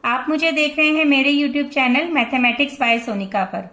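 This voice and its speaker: Slow, high-voiced Indian woman teacher. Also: sharp tone, reverberant. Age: 40s. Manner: slow, patient explaining that mixes Hindi and English. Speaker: math teacher. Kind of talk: classroom lesson explaining a math problem.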